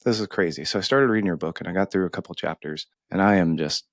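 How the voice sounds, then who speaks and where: Deep-voiced man telling a heartfelt story. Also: no echo, clean studio sound. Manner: halting, emotional, many restarts. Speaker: podcast co-host.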